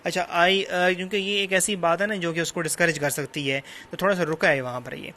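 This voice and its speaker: A man's voice: high voice, steady tone, a little fast, pushed and bright. A man lecturing on a novel, patiently explaining English words by listing translations and synonyms, repeating and rephrasing each point. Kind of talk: recorded classroom lecture.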